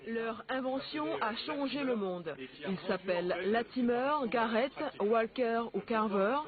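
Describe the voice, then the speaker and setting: A reporter reading a scripted news piece in a steady voice. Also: medium pitch, measured pace. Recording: phone-like audio with crowd behind.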